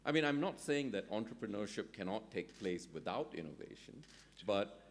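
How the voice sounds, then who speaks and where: A middle-aged man on a conference panel, his voice sitting a little low. He works through his points out loud, padding them with ums and "you know", and tags many statements with a quick "right?". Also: expressive. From Singapore. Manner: hesitant, thinks aloud, many fillers, often ends with "right?". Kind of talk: panel discussion at an economic summit.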